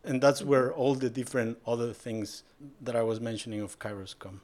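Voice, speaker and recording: A man's voice: medium pitch, a little fast, a little mellow. A man from Guatemala, a guest giving thoughtful, explanatory interview answers. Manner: thoughtful, explanatory, with light laughs. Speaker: guest, software maintainer.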